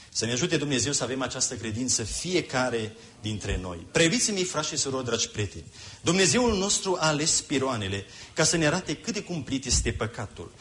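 A man's voice: medium pitch, fairly bright tone, slight background noise. A man preaching a sermon in an impassioned, emphatic way, repeating phrases for effect.

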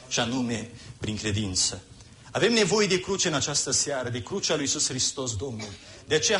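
A man's voice: on the high side, fairly bright tone. A man preaching a sermon in an impassioned, emphatic way, repeating phrases for effect.

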